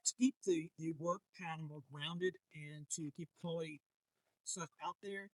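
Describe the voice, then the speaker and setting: A man's voice: a little high, fairly even intonation, normal speed, dry recording, low-quality recording. A man interviewing a comics publisher, asking long, rambling questions with many restarts. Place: comic convention floor.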